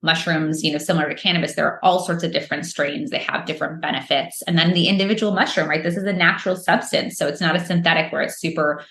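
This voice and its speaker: Speaking fast with hardly any pauses, this American woman has a deep, steady, somewhat bright voice. As a guest on a podcast, the microdosing entrepreneur answers interview questions casually, with lots of fillers and false starts, in a room with noticeable echo.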